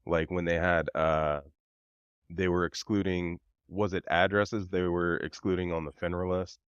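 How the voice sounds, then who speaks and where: A man co-hosting a casual podcast, asking halting, hesitant questions. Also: sits low, little pitch movement, clear, resonant tone, no room sound. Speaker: podcast co-host. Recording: dull lo-fi sound.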